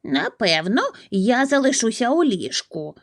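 A woman's voice: on the high side, sing-song, measured pace. A woman voicing a proud but bewildered little male crow, speaking earnestly.

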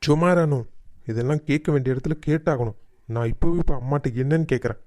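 A man's voice: fairly high pitch, fairly quick, warm tone, dry recording, studio quality, natural voice. A man doing a pushy young cartoon husband. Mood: insistent. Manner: insistent, questioning. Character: protective young husband, demanding answers. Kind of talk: cartoon voice acting.

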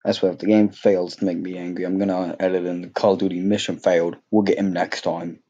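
A man's voice: low-pitched, flat delivery, fast, dark tone, muffled recording. A young man giving casual, joking gameplay commentary, rambling with many fillers and mocking himself. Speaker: gaming YouTuber.

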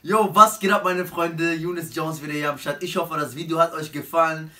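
A man's voice: on the high side, fairly even intonation, moderate pace, pushed and bright. A man in his twenties speaks slangy, exasperated German with an Arabic-influenced accent, hosting and bantering casually with friends. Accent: Arabic-influenced urban German. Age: 20s. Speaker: host of a comedy sketch channel. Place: living room sofa. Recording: very noisy home camera recording.

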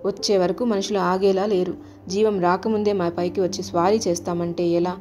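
A woman's voice: on the low side, level tone, a little fast, mellow, lightly acted. A woman voicing a group of frightened planets, complaining fearfully in a storybook tale.

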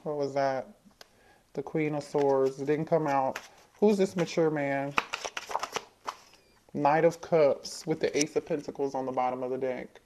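A woman's voice: low-pitched, fairly even intonation, measured pace, pauses often, noisy background. A woman doing a casual tarot reading for viewers, thinking aloud, asking the cards questions and repeating herself as she goes. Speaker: tarot reader.

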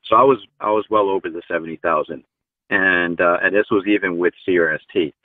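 Low and steady in tone, a man in his forties talks a little fast during a casual interview, where he's a truck driver guest joining by video call. He's earnest and uses many fillers; there's no room sound, but the audio is tinny like a phone line.

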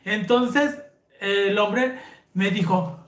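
A woman's voice: medium pitch, very slow, reverberant, a little hiss or hum. A woman with a Mexican Spanish accent, telling raunchy stories to her viewers in a brassy, slangy manner and laughing often. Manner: brassy, slangy, laughing, addresses listeners as sisters. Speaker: host. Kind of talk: raunchy casual storytelling to viewers.

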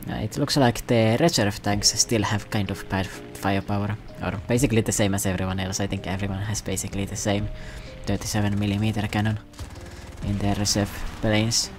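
A man's voice: on the low side, steady tone, fairly quick, music in the background. A man giving casual, self-mocking, rambling commentary over his gameplay. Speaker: gaming commentator.

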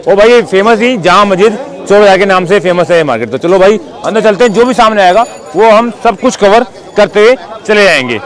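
A man's voice: high-pitched, animated, a little fast, hardly any pauses, rough recording. A man vlogging on foot through an outdoor street market, upbeat and chatty, asking sellers about prices. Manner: upbeat, repeats "bhai" and "theek hai". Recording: outdoor crowd noise behind. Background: crowd chatter and traffic.

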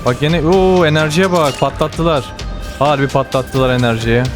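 A man with a Turkish accent giving excited running commentary while playing a game, often repeating words and exclaiming. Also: a little high, normal speed, over music. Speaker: gamer.

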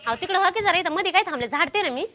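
A young woman playing a sharp-tongued village wife who nags her husband in a comedy sketch. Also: extremely high pitch, animated, racing, slight background noise, heavily acted. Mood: scolding. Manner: nagging, scolding.

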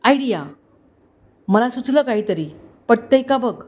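A panicky young tempo driver, as a woman reading the story puts him on, rushing his words with worry. His voice rises a little when he frets. It is read in an audio storybook. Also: fairly high pitch, darkish tone, close to an everyday voice. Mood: anxious. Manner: flustered, hurried. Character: anxious young man driving a tempo.

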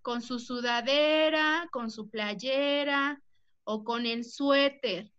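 A high, bright-toned young woman teaching children over a video call. She talks slowly and patiently, spells out words and keeps asking if everyone follows. The audio is dull and lo-fi, like a computer mic. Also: clear, resonant tone. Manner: affectionate with pupils. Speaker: primary school teacher. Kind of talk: online class instruction.

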